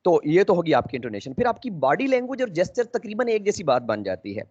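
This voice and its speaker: A man giving a spoken English lesson, explaining step by step, mixing in English phrases and pausing with fillers. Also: high voice, sing-song, a little mellow, slightly rough. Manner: explanatory, mixes English phrases, frequent 'uh' pauses. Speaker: English teacher. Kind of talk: lecture lesson. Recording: dull lo-fi audio.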